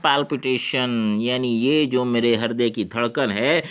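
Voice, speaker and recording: A man with an Indian accent teaching a literature lesson, reading English lines slowly and explaining them in Hindi. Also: mid-range voice, clear, resonant tone.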